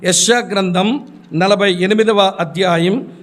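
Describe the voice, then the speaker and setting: A man's voice: sits high, steady tone, a little slow, a bit bright. A man preaching a sermon, telling humorous stories with acted dialogue and addressing the congregation directly.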